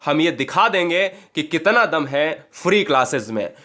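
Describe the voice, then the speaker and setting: A man's voice: a little high, expressive, measured pace, fairly bright tone. A man teaching an exam-prep grammar lesson, asking and answering his own questions and drawing out sounds to demonstrate them.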